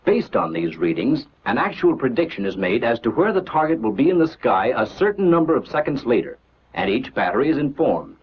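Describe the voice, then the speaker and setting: Here a man with a medium-pitched, breathy-edged voice reads the narration for a scripted 1940s military training film. Heard on an old film soundtrack with lo-fi sound, he is very animated yet keeps a measured, instructional, declarative manner.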